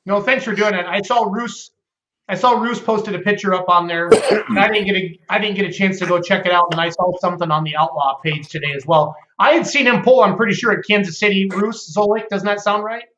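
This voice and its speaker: A man's voice: high-pitched, fairly quick, a bit bright. A man chatting casually as a talk show co-host. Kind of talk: casual chat. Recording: dull lo-fi, echoey room.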